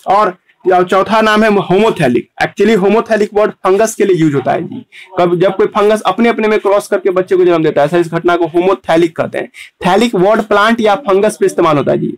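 A man teaches an online biology lesson in a rather high voice. He drills each term over and over. He tags nearly every line with a quick "है ना" and stops now and then to tidy his board. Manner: repetitive, tags lines with "है ना"; pauses to fix board writing. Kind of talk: online class lecture.

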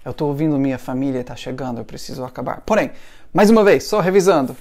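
A man's voice: medium pitch, quick pace, darkish tone. A man whose first language is English, teaching pronunciation in a patient, repetitive lesson. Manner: patient, repeats words for drilling.

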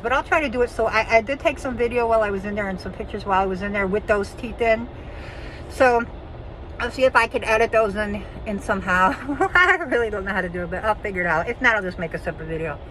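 A woman's voice: medium pitch, fairly bright tone, slight background noise, poor audio. A woman in her fifties talking through a face mask, chatting frankly and rambling in a casual vlog, filmed outdoors on a phone held at arm's length. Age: 50s. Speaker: vlogger.

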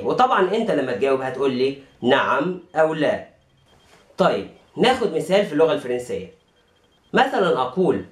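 A man with an Egyptian Arabic accent teaching French grammar to students, saying the example phrases slowly and clearly. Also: on the high side, reverberant. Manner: slow, drawn-out modelling of example phrases.

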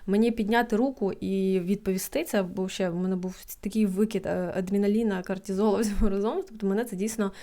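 A young woman giving casual psychology advice, chatty, with lots of fillers and quick laughs. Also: mid-range voice, steady tone, dark tone. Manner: quick, chatty, many fillers and laughs, acts out inner thoughts. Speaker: psychologist in training. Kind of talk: casual advice talk to camera.

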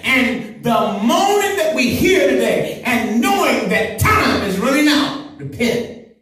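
A middle-aged man preaching a fervent sermon with call-and-response, his voice swelling into loud surges. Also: very high voice, very animated, slow. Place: small church room, indoors. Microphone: headset mic. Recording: echoey room, heard from a distance.

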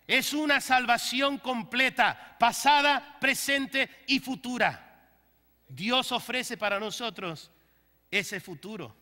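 A male pastor preaching a sermon to his congregation, leading call-and-response and breaking into loud bursts. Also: extremely high pitch, takes it slowly, big-room sound.

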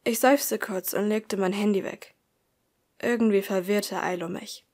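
A woman reads a first-person story aloud as an audiobook. Her voice sits at a middle pitch, and her delivery stays soft and quiet throughout the narration. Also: fairly even intonation, unhurried. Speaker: audiobook reader.

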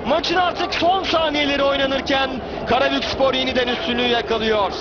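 A man giving live football commentary, screaming with excitement and amazement. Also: very high voice, fairly quick. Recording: muffled noisy stadium broadcast, roaring crowd. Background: roaring stadium crowd.

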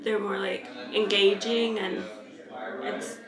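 Hesitant teen girl with vocal fry. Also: mid-range voice, level tone, slow, music in the background. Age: teens. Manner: hesitant, lots of fillers. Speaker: interviewee. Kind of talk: casual interview. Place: living room. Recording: echoey room with chatter.

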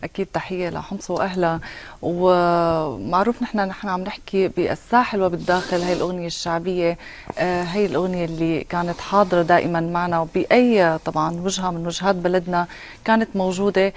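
A woman's voice: fairly low pitch, fairly even intonation, quick pace. A young Syrian woman hosting a chatty television studio interview. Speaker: TV host. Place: TV studio, seated on sofa.

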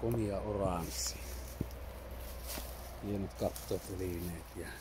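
A man from Finland quietly commenting in short remarks as he explores an abandoned farmhouse, recorded on an action camera. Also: steady tone, noisy background. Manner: low-key, terse remarks while exploring. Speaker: urban explorer.

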